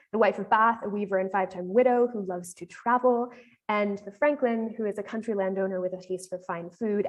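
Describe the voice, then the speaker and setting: A woman with an American accent giving a casual, explanatory live demo presentation on a panel, talking with frequent fillers. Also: medium pitch.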